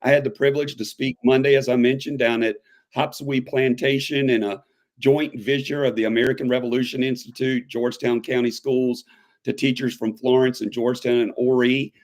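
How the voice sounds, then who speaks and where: A man in his fifties, a high school history teacher, speaking as an interview guest in an animated, emphatic way that builds to pointed questions. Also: brisk. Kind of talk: conversational interview.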